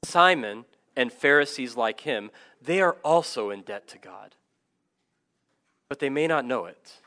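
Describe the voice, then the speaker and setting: A man in his thirties preaching a sermon as pastor, energetic and conversational, with asides and self-deprecating stories. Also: mid-range voice, unhurried.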